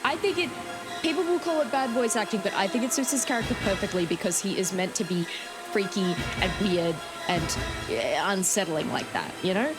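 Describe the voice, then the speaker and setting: Lively woman streamer over game music. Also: mid-range voice, fairly quick, poor audio. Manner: informal, sweary, chatting to viewers. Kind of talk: casual live gameplay commentary.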